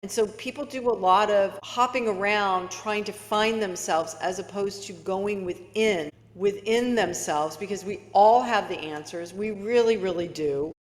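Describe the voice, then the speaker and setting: A woman speaks earnestly as a podcast guest, coaching the listener and urging them on. Her voice sits at a middle pitch. It carries a long, roomy reverb. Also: a little slow, few pauses. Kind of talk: casual interview talk.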